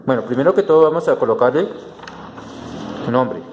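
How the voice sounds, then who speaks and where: Teacher in a roomy, echoing space. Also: male voice, medium pitch, lively intonation, normal speed, a little mellow, highs cut off. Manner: explains step by step with many fillers and restarts. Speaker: Spanish teacher. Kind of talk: recorded class tutorial. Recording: roomy echo with long reverb and faint background noise.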